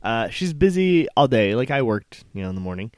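A young man rambling through a long story on a podcast, full of fillers. His voice sits at an ordinary middle pitch. The sound is dry and close. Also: very animated, brisk, a little mellow, no room sound. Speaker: podcast co-host. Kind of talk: casual chat.

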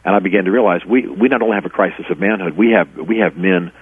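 Low raspy guy on a phone line, talks fast and earnest, keeps restarting. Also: no echo. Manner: earnest, rambling, with many restarts. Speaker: author and former pastor, guest. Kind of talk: radio interview storytelling. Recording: tinny phone line, dry.

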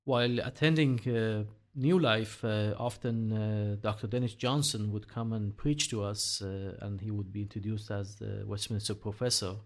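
A man's voice: on the low side, fairly even intonation. Earnest middle-aged Israeli man. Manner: earnest, many "uh" pauses. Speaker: interview guest. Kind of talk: conversational interview.

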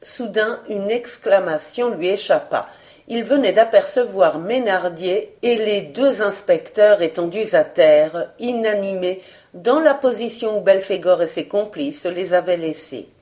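A woman narrating a novel as an audiobook, steady and expressive. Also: medium pitch, unhurried.

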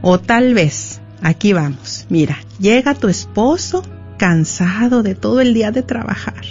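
A woman's voice: medium pitch, lively intonation, measured pace, a little mellow. Woman giving a pastoral marriage talk. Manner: conversational, acts out little scenes. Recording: dull lo-fi sound with faint music.

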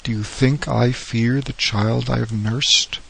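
A frantic, grieving old mother from an old horror storybook, urgent and feverish in her pleading, as a man reads her. The voice stays flat and husky, with heavy grit. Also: mid-range voice, slow, full character voice, rough recording.

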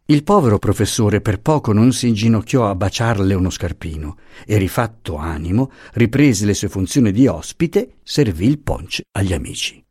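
A man reads a classic novel aloud in a low, slightly husky voice. His intonation moves a lot, expressive and measured. The recording is close and dry, with no room sound. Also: dry recording. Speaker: audiobook narrator. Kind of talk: scripted narration of a novel.

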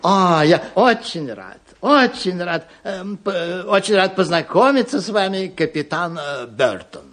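An actor playing an absent-minded, talkative gentleman traveller in an old radio show, effusive and stammering. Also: high-pitched, animated, a little slow. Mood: effusive, chatty. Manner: effusive, flustered, stammering and chattering.

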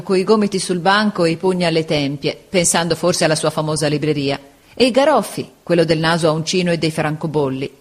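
An audiobook reader narrating a classic children's novel expressively and voicing the characters' dialogue. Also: mid-range voice.

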